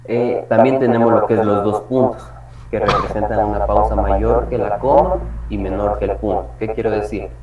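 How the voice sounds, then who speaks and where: A man teaching a reading workshop lesson on punctuation, explaining step by step and slowing down for examples. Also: fairly low pitch, fairly even intonation, noisy background. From Ecuador. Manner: explanatory, slows for examples, frequent restarts. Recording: echoey room, distant mic, dull sound, crowd.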